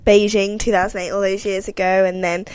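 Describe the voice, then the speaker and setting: A woman's voice: mid-range voice, level tone, brisk. A woman with a Birmingham accent, a guest on a casual podcast chat, bubbly and giggly. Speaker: guest athlete.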